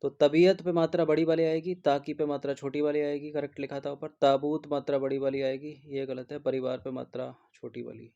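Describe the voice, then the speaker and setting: Guy going through hindi spelling answers, says each word over and over, kinda high but mellow voice, muffled recording. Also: flat delivery, brisk, vocal fry, few pauses. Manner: repeats each word over and over and checks in with a constant "theek hai". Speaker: exam prep teacher. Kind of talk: spelling lesson, explaining answers. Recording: dull lo-fi recording.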